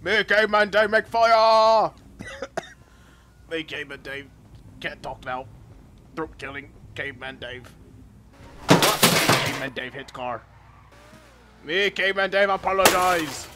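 A man voicing a dim-witted, excitable caveman who talks about himself in the third person while commenting on gameplay. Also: medium pitch, takes it slowly, pauses often, very noisy, close to an everyday voice. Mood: goofy. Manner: broken caveman grammar, third person, sudden yelps. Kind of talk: playful game commentary in character.

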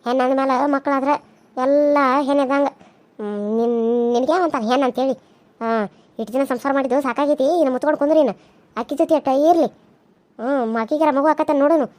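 A woman voicing a sharp-tongued older village mother-in-law in a cartoon serial, with a North Karnataka accent, scolding and sarcastic. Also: high voice, steady tone, quick pace, natural voice. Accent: North Karnataka Kannada.

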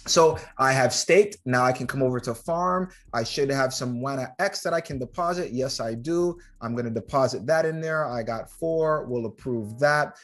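A man in his thirties hosting his own channel, talking viewers through a screen-share in a relaxed, filler-heavy way and calling them guys, recorded at home on a desk mic. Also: medium pitch. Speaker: crypto channel host. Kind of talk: casual screen-share walkthrough. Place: home room.

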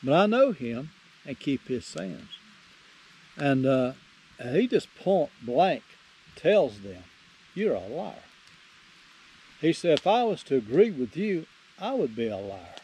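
A man's voice: mid-range voice, very animated, slow pace, pauses often, dark tone, a little hiss or hum, low-quality recording. A man teaching through the Bible verse by verse, folksy, repeating phrases for emphasis and reading scripture aloud.

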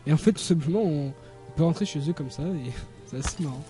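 A man giving casual, halting video game commentary, thinking aloud as he plays. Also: a little high, mellow. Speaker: gamer, let's play host. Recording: game music behind voice. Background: video game music.

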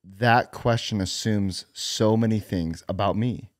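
A young man hosting a podcast in a studio, relaxed and conversational, asking questions and retelling exchanges. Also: lowish voice, a little slow, no room sound. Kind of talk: casual conversation. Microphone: studio boom mic with headphones.

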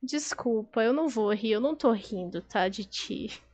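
Woman streamer, high-pitched, expressive and chatty, casual gameplay talk. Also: normal speed. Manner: chatty, expressive, laughs often. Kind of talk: casual gameplay chat, reading out chat.

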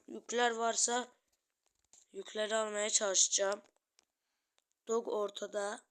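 A woman giving excited live gameplay commentary as a channel host, talking to her viewers and yelling taunts at opponents. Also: mid-range voice.

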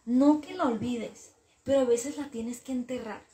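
A woman's voice: a little high, measured pace, warm tone, reverberant. A woman talking earnestly and casually about her faith and her frustrations with God, repeating her points.

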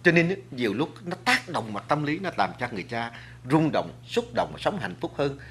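A man talks as a talk-show guest, his pitch rising and falling with lively swings as he lectures. He speaks earnestly and addresses the audience directly. He often restarts his sentences around filler words. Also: brisk, a little hiss or hum. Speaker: guest speaker on food and culture. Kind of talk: studio talk show discussion.

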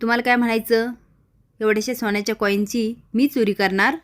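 A woman reading the lines of a sharp-tongued elderly grandmother in a curt, dismissive way. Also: a little high, fairly even intonation, a little fast, natural voice. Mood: scolding.

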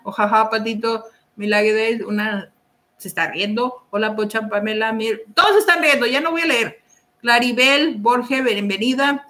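A woman's voice: on the high side, pushed and bright. Giggly woman greeting viewers live. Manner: giggly, keeps breaking into laughter. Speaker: livestream host.

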